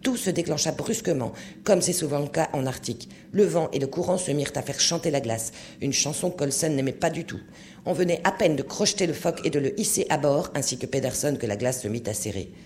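A man narrating a story in an audiobook reading, expressive and steady. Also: fairly high pitch, brisk, slight background noise.

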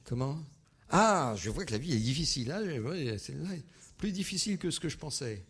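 A man leading a wordplay game with an audience, animated and hesitant, full of restarts and fillers. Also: on the high side, fairly quick, breathy edge. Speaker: word game leader.

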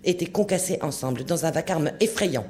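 A man narrating a story in an audiobook reading, expressive and steady. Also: a little high, brisk, slight background noise.

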